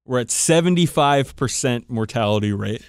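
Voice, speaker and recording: A male podcast co-host with a mid-range voice and lively intonation chats casually and enthusiastically about tabletop game lore, swearing plenty. He speaks at a normal pace, informal and profane, with a clean, studio-quality tone and no room sound.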